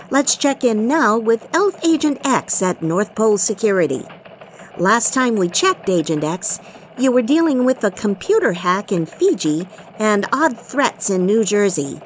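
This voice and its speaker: A woman playing a chipper female elf news reporter who delivers a mock radio news report in a bright, bouncy newsreader manner. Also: medium pitch, a little hiss or hum. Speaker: news anchor.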